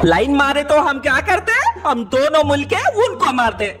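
A young man plays a comedy sketch, mixing Telugu and Hindi as he argues. He is exasperated and pushy, his voice high and swinging widely in pitch. Steady music plays underneath. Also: normal speed. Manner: switches between Telugu and Hindi. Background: background music.

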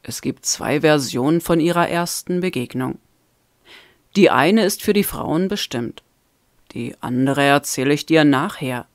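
A woman's voice: deep voice, lively intonation, a little slow, no echo, clean studio sound. A woman reading the part of a mocking, playful man in a storybook. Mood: sly. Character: teasing grinning man, friend of the family.

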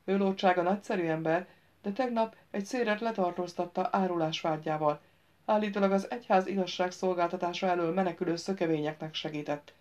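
A loyal farmer and former archer, read by a woman, speaking earnestly and steadily in a fairly low voice. The audiobook sound is dull and lo-fi. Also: a little mellow, close to an everyday voice. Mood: resolute.

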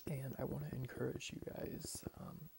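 A man in his twenties gives a soft, whispered ASMR pep talk in a hushed, deliberate manner with long pauses. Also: medium pitch, flat delivery, gravelly. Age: 20s. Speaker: ASMR creator reading positive affirmations. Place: small bedroom at home, indoors.

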